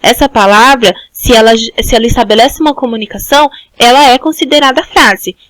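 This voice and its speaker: A woman's voice: fairly high pitch, brisk, fairly bright tone, dry recording, low-quality recording. A Brazilian woman teaching a school language class, explaining step by step and often checking in with "né?". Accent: Brazilian Portuguese. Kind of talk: online class lecture.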